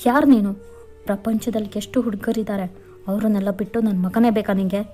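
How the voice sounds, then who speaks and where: Lady doing a cold bossy rich dad, threatening, mellow voice, soft music under it. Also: medium pitch, steady tone, a little fast, lightly acted. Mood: menacing. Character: ruthless rich older father threatening a girl. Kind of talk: fan fiction voiceover.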